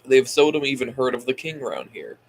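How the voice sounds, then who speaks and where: A man's voice: mid-range voice, big pitch swings, brisk, creaky, slight background noise, rough recording. A tired man casually reading a novel aloud as an amateur audiobook, sighing between phrases and stumbling over words before correcting himself.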